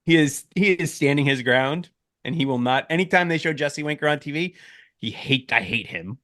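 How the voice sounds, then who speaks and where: A man's voice: on the high side, moderate pace, fairly bright tone, no echo, studio quality. A man in his thirties, a podcast co-host, telling a story in casual chat and acting out the lines he quotes.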